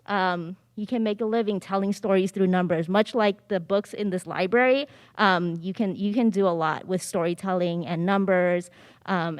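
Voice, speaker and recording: Smooth-voiced woman giving a panel talk. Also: mid-range voice, fairly bright tone, dry recording, studio quality. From Southern California, United States. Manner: casual, conversational and upbeat. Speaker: panelist speaking on finance. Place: library theatre stage.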